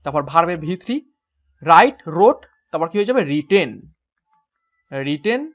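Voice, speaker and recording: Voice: mid-range voice, lively intonation, unhurried, highs cut off. A teacher giving an exam-prep grammar lesson, explaining each step and answering their own questions along the way. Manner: spells words out letter by letter. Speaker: English teacher.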